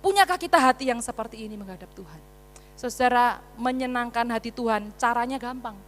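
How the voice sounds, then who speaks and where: A woman preacher, giving an animated, playful sermon with interjections. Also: a little high, fairly quick, big-room sound, slight background noise. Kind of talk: lively sermon. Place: church.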